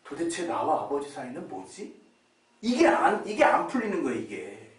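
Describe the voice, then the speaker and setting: Animated male pastor preaching. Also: a little high, moderate pace. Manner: animated, laughs often, acts out quotes. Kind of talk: sermon with personal storytelling. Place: church. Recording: roomy church hall, distant mic.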